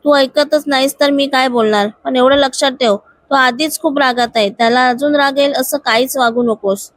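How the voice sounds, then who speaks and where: Woman reading as a calm male colleague, gently persuading, high voice, dry close sound. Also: moderate pace, no room sound, lightly acted. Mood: cautioning.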